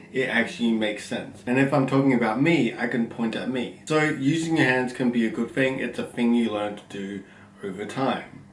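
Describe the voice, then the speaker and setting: A man with a slight stutter walks through tips in an instructional vlog, speaking loudly and deliberately at a middle pitch. His voice sounds roomy and a little set back from the mic, with faint ambience underneath. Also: distant mic, slight background noise. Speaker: content creator giving tips. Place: room at home with a window.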